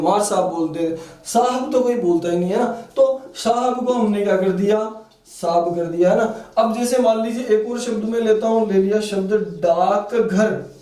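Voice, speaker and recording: High-voiced man teaching in an echoey room. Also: warm tone, recorded from a distance. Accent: Rajasthani. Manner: asks rhetorical questions and answers them, repeats "है ना". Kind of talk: classroom lecture for exam prep.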